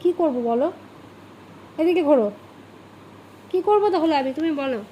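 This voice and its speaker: High-voiced mother coaxing softly. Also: animated, moderate pace, slight background noise. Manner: pleading, coaxing in a high soft voice. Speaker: mother coaxing her child. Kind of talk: home vlog with child. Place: home bedroom.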